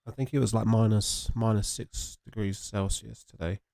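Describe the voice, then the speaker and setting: This young man, an English gaming streamer, chats in a rambling way and responds to viewers during play, sounding congested and sniffly. His lowish voice is creaky and dark, with fairly even intonation and a moderate pace, in a dry, studio-quality recording.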